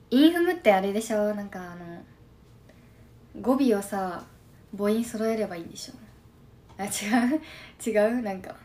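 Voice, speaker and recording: A husky, slightly hoarse young woman in her twenties with a Shimane dialect, chatting casually on a live stream. She reads viewer comments aloud and drops soft, quick thank-yous between remarks. Her pitch sits in an ordinary middle range for a woman. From Shimane, Japan. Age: 20s. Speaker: idol livestreamer.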